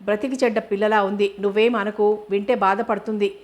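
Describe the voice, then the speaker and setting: Woman voicing kindly older father, gentle, reassuring, flat tone, storybook. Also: mid-range voice, a little fast, close to an everyday voice. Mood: mild.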